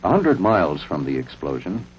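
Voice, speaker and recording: Male American narrator for 1950s instructional film, low voice, strongly varied intonation, authoritative, on muffled old soundtrack. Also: huge pitch swings, normal speed, a little hiss or hum. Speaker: documentary narrator. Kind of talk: 1950s civil defense film narration, scripted.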